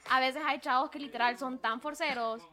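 A woman's voice: high-pitched, normal speed. A young woman, telling stories bluntly and with energy in a casual group chat. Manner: blunt, animated storyteller. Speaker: podcast co-host.

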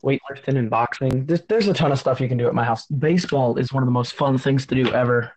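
A man's voice: mid-range voice, quick pace, a little mellow, slight background noise, low-quality recording. A man hosting a casual podcast, rambling and teasing with lots of restarts. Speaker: podcast host.

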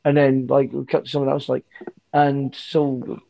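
A man's voice: medium pitch, little pitch movement, fast, creaky, mellow, no echo, lo-fi sound. A young man in casual chat, retelling stories and swearing freely. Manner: storytelling, mimics people, swears.

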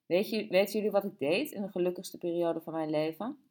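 A woman's voice: fairly low pitch, a little fast, mellow, lightly acted. A woman voicing a flamboyant, vain and chatty grown woman who talks in a playful, showy way for an audiobook. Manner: playful, showing off.

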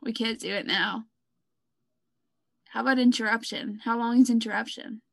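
A woman with a notably high voice co-hosts a casual podcast about music. She is chatty and playfully teasing, laughing often. Her voice sits close and dry on her microphone, with no room sound. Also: steady tone, normal speed, gravelly, no room sound. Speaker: podcast co-host. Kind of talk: casual chat reviewing songs. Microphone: own microphone while recording.

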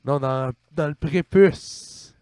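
A man's voice: fairly high pitch, slow, darkish tone, clear, resonant tone. Quebecois man, crude joking banter. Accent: Quebec French. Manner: swearing, laughing, trailing off.

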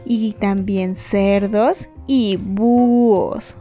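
A woman voicing a hungry male wolf who speaks slowly and slyly, in a storybook reading. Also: medium pitch, steady tone. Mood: menacing. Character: sly hungry male wolf, slow and menacing. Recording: dull lo-fi with guitar music.

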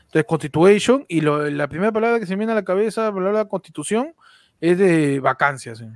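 A man's voice: high-pitched, lively intonation, fairly quick, no echo, studio quality. A young Peruvian man co-hosting a comedy podcast, joking in mock-formal turns with goofy bits of English. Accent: Peruvian Spanish. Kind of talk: comic banter.

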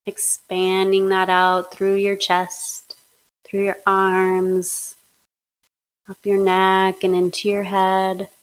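Slow, flat-voiced woman guiding hypnosis. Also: mid-range voice, poor audio. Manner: slow, soothing, monotone guidance. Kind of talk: guided hypnosis meditation.

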